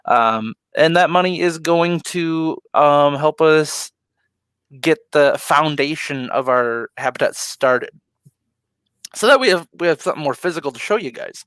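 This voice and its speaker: A man co-hosting a casual live stream, relaxed and laughing easily, with plenty of ums. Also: a little high, a little slow, clear, resonant tone, no echo. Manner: laid-back, laughs often, many ums. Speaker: co-host of a live ocean talk stream.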